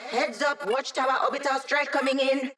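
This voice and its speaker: A woman's voice: high voice, steady tone, moderate pace, natural voice. A woman voicing a digitized young female hacker in a video game, a wry, upbeat ally with casual, techy chatter. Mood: focused, informative.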